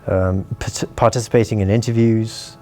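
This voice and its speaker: A young man from Hong Kong in a seated interview, explaining in a measured way with frequent pauses. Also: on the low side, fairly even intonation, a little mellow, soft background music. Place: indoor studio against plain backdrop.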